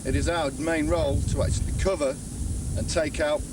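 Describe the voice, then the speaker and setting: Corporal, distant and noisy. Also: male voice, a little high, fairly even intonation, moderate pace. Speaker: army corporal. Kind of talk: briefing to camera. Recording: distant mic, noisy location sound.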